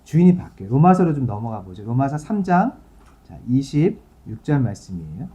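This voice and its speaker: A man's voice: mid-range voice, sing-song, fairly quick, dark tone. A male pastor giving a sermon in a conversational, explaining way, reading scripture aloud and then talking it through for his congregation.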